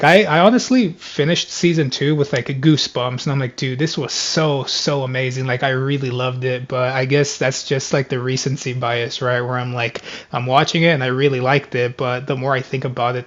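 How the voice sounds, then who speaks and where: A man's voice: mid-range voice, lo-fi sound. A man hosting a gaming channel, giving a casual, rambling spoken review into a headset and filling his talk with "like". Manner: rambling, fills speech with "like".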